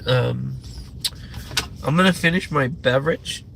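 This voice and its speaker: On his livestream, a young man wanders through a profane ramble heavy with filler words. He speaks unhurriedly in a mid-range, creaky, somewhat bright voice, with a little hiss or hum in the recording.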